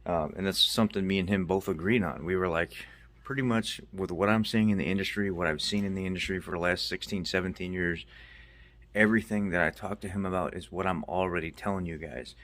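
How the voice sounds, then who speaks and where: Hosting a car maintenance video, this middle-aged mechanic recaps things casually and off the cuff, hammering points home by saying them again. He talks a little fast in a deep voice with a fairly bright tone.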